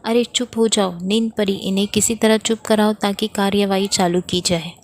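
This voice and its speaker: A woman's voice: medium pitch, steady tone, normal speed, natural voice. Woman reading as a stern scolding night queen. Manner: scolding, commanding. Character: stern female night queen judging children.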